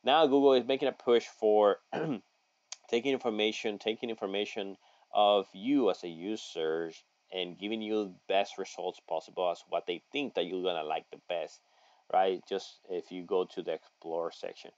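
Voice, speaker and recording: A middle-aged man with a low voice walks through a screen-share lesson, reading an article aloud and stopping often with "uh" and restarts. The sound is dry and a little dull, recorded at a desk mic in a home office. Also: steady tone, no echo. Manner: halting, many fillers and restarts, folksy asides. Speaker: local online marketing consultant. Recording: dry, slightly dull audio.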